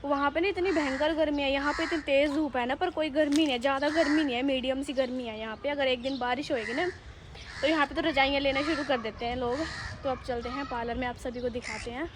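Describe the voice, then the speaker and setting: A woman's voice: sits high, steady tone, quick pace, noisy background. A young woman from Uttarakhand, chatting casually to her viewers as she walks around with a phone camera. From Uttarakhand, India. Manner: chatty, addresses viewers directly, calls them bhai. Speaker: vlogger. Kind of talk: casual walking vlog. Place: house and streets in a hill town, indoors and outdoors.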